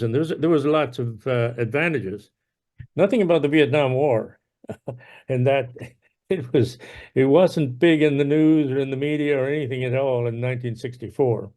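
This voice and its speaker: Older Irish-born man, interviewee, easygoing and halting delivery. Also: medium pitch, darkish tone. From Ireland. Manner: unhurried, many fillers and restarts, chuckles often. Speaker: interviewee, veteran. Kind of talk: casual oral history interview.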